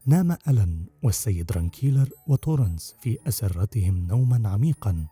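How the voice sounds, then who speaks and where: A man reading a first-person audiobook narration in an expressive storytelling manner. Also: lowish voice, fairly quick, breathy edge, dry recording, faint music behind.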